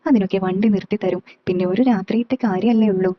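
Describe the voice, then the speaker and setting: A woman's voice: mid-range voice, steady tone, brisk, dry recording, close to an everyday voice. A woman voicing a cheeky young man. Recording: slightly dull, dry recording.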